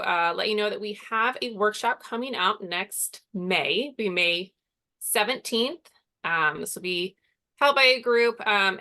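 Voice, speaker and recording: A woman hosting an online workshop, opening the session relaxed and with frequent fillers. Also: mid-range voice, gravelly. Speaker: workshop host and project manager. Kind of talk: introducing a webinar session.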